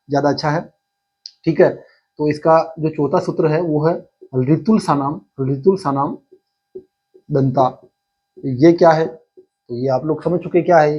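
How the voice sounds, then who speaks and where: A male teacher explaining a lesson in Hindi, slowly repeating key terms and answering his own questions. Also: on the high side, husky, lo-fi sound. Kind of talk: exam-prep lesson.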